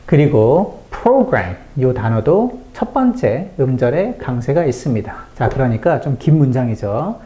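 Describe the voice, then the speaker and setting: Slow, lively-pitched English teacher. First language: Korean. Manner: patient step-by-step explaining, slowly spelling out example sentences. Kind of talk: online language lesson.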